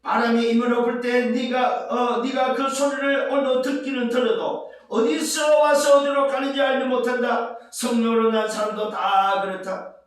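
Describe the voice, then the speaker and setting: High-voiced pastor preaching in echoey church. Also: male voice, fairly even intonation, normal speed. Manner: rhetorical questions and emphatic repetition; rises to shouts at climaxes. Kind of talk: sermon. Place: church sanctuary. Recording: very echoey church sanctuary, distant mic.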